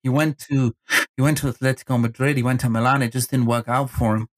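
Male podcast host, enthusiastic and chatty, mid pitch. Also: fairly even intonation, fast talker. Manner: chatty, enthusiastic, many restarts. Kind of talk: casual football podcast talk.

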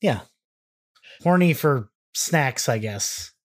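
A man's voice: mid-range voice, lively intonation, slow. A man with a slight Texan accent co-hosting a podcast, trading wry, sarcastic comebacks in a casual chat. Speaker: podcast co-host.

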